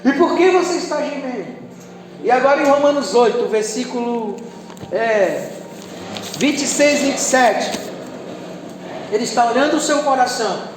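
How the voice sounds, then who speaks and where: Pastor, male, high voice, long church reverb, music under the sermon. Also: expressive, moderate pace, long pauses. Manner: emotional preaching, swinging from loud to hushed. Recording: echoey church hall with music behind.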